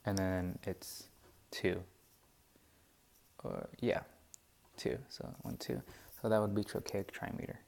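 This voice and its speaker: A young man with a lowish voice talks slowly through a poem's meter. He hesitates, restarts sentences and keeps admitting confusion, like a student presenting homework. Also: fairly even intonation, gravelly, darkish tone. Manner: hesitant, many fillers and restarts, self-doubting. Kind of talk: classroom walkthrough of poem scansion.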